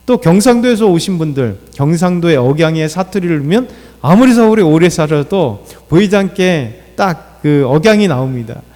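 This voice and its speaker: Male pastor, slightly high voice, loose preaching with fillers, reverberant sanctuary. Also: a little mellow. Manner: unscripted preaching with fillers, acts out quoted lines. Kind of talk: dawn prayer sermon. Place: church sanctuary. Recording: church hall reverb.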